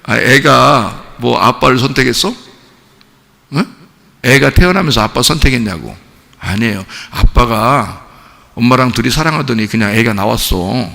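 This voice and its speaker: Gravelly, lively pastor preaching in a hall. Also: male voice, medium pitch, moderate pace. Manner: shifts from quiet musing to shouted childlike pleading. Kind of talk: sermon. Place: church sanctuary.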